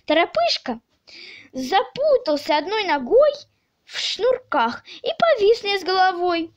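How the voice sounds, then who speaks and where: A woman narrating a children's audiobook in a slow, expressive storytelling manner. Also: very high voice.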